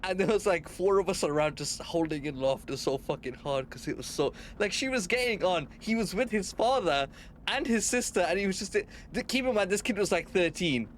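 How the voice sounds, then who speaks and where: A young man with a slightly high voice streams a game, swearing plenty as he chats casually with viewers. A bit of hiss or hum sits under the recording.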